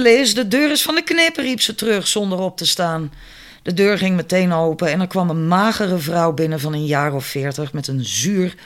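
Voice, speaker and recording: A man narrating an audiobook with calm, even storytelling. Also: a little high. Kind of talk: scripted narration.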